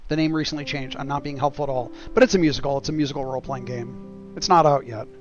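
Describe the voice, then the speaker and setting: A man's voice: mid-range voice, steady tone, fast talker, muffled recording. A man streaming a game, chatting casually and commenting with wry, sweary, sarcastic asides. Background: music.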